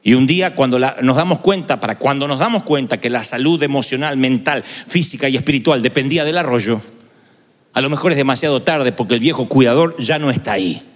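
A male pastor preaching an animated sermon and switching between acted voices. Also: mid-range voice, a little fast. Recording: long hall reverb.

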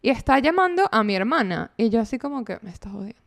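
A woman with a high, light voice co-hosts a casual podcast chat. She tells animated stories and slips into quick impressions of other people. Her laughter comes easily between lines. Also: gravelly. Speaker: podcast co-host.

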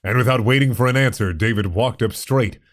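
A man's voice: medium pitch, fairly quick, a little hiss or hum. A man switching between casual banter and scripted story narration while recording with friends.

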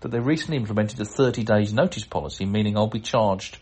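A middle-aged man with a lowish voice hosts a casual podcast. He reads listener mail aloud and keeps stopping to chuckle and poke fun at himself. His delivery is relaxed and conversational, with plenty of asides. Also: fast. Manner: chatty, chuckling, self-deprecating asides. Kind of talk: casual chat and letter reading.

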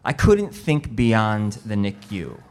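Delivering a sermon, a thirty-something rabbi recounts a personal story at a slow, thoughtful pace, his voice dropping quiet when the emotion rises. His pitch is fairly low but swings widely.

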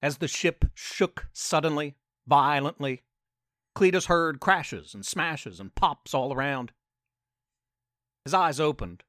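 A man narrating a space adventure story with an animated, playful manner and asides to the listener. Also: on the high side, slow pace, pauses often, no room sound, clean studio sound.

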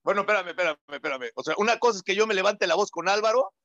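A man's voice: high voice, racing, bright, forceful tone, dull audio. A man arguing as a sports pundit in a heated studio debate, insistently repeating his points.

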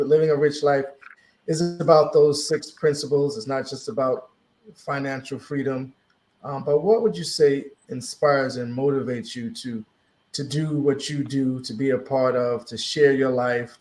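A man's voice: medium pitch, darkish tone. A man hosting a radio interview, asking long, rambling questions in an upbeat way. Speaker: radio host. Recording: roomy echo.

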